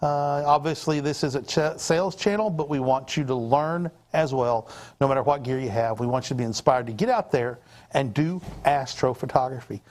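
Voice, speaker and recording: A man's voice: medium pitch, normal speed, darkish tone. A man hosting a casual sales livestream, upbeat and rambling with frequent fillers. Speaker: livestream host.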